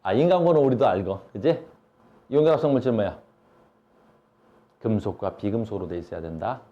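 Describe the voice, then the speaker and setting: A man's voice: lowish voice, lively intonation, brisk, dark tone, dull audio. Blunt, slangy male science teacher. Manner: blunt, slangy, asks students questions constantly. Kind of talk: classroom lecture.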